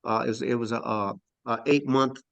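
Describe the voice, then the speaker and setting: A middle-aged man answering as a podcast guest on parole, speaking haltingly with many "uh" fillers and restarts. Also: mid-range voice, fairly even intonation, vocal fry, clear, resonant tone, no room sound, highs cut off. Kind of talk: answering in an interview.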